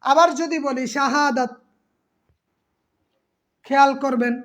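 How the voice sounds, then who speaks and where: A woman's voice: high voice, takes it slowly. A woman teacher giving an exam-prep class, patiently repeating terms and quizzing her students.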